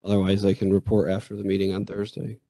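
A man chairing a school board meeting, running the agenda in a relaxed, conversational way. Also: sits low, fast, gravelly, no echo.

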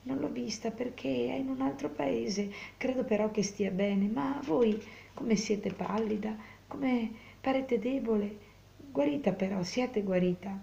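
A woman reading a story puts on a devoted young peasant man, pleading and urgent. The voice has a gravelly, mellow grain and comes through a slightly muffled recording. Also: a little high, measured pace.

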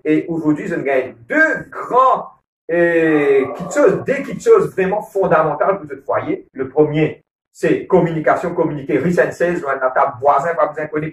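A man's voice: fairly high pitch, far from the mic. Earnest Mauritian man in an echoey room. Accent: Mauritian Creole. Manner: earnest, repeats phrases and often checks with "ok?". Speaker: married churchgoer speaking on a couples program. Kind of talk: casual church talk on marriage. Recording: roomy echo, voice from away from the mic.

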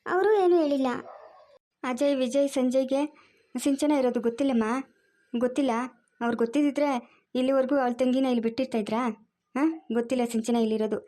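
A woman with a rural Karnataka Kannada accent talks fast in a fairly high voice. She scolds and coaxes in plain everyday speech, as in an acted family drama. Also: steady tone, dark tone. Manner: quick, scolding and coaxing colloquial talk.

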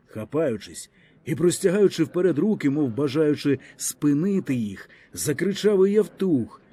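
Guy reading a story out loud, warm husky voice, lots of rise and fall. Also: a little high. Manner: expressive storytelling. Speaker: audiobook narrator. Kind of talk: audiobook narration of a short story.

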